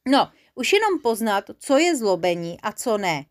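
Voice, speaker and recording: A woman's voice: mid-range voice, very animated, lightly acted. A woman voicing a thoughtful little male creature in a children's storybook.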